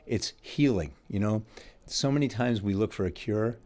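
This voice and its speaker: A man's voice: lowish voice, moderate pace, a little mellow. A nurse practitioner being interviewed, a man speaking with exuberant enthusiasm.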